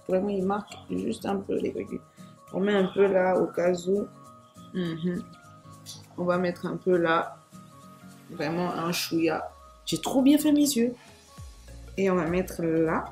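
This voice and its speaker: A woman's voice: lowish voice, darkish tone. A woman chatting through a makeup tutorial in a playful, self-mocking way, speaking straight to her viewers. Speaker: makeup vlogger.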